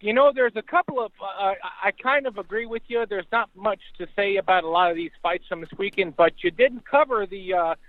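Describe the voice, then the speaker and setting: A man's voice: high voice, brisk, few pauses, no echo. A man calling in over a speakerphone, rambling and stammering through restarts. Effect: phone speakerphone. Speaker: caller. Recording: tinny dry phone line.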